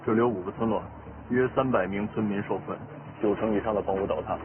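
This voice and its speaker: An actor playing a male rescue squad leader radios an urgent, clipped report from a disaster zone, talking fast in a fairly low voice. His words come through a crackly two-way radio, thin and band-limited like a phone line, with clear music playing under the drama. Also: fairly even intonation. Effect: crackly two-way radio transmission.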